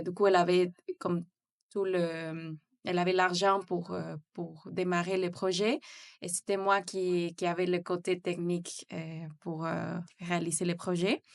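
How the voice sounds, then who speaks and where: Guesting in a casual interview, a bakery founder from Mexico City whose first language is Spanish speaks in a lowish voice. She sounds hesitant, with many fillers and restarts.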